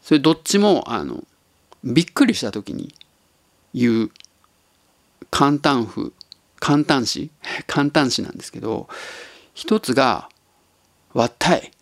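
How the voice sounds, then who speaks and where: A man's voice: mid-range voice, very animated, unhurried, long pauses, no room sound. A man from Tottori hosting a casual solo podcast, musing in an easygoing way and chuckling often. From Tottori, Japan. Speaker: podcast host.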